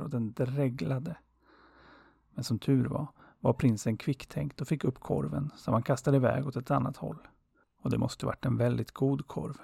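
A man narrating a fairy tale in a calm, unhurried, softly expressive way, with a husky voice. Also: medium pitch, no room sound, clean studio sound. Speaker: storyteller.

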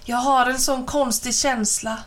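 A woman's voice: sits high, fairly even intonation, fairly bright tone. A woman reading a storybook aloud and voicing an anxious young girl who whispers and hisses urgently.

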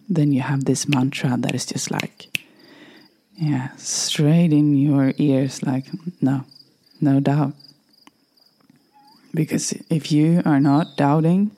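A woman hosting a motivational solo podcast, her voice going hoarse, talking unhurriedly and slipping into soft whispered asides. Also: sits low, fairly even intonation, slow pace. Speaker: podcast host.

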